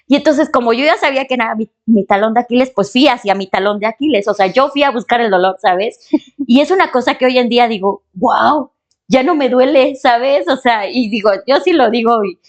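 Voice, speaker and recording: Animated, high-voiced Mexican woman guest. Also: a little fast. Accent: Mexican Spanish. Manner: expressive and emphatic, with exclamations and repetitions. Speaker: guest, spiritual channeler and holistic therapist. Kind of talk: animated podcast interview.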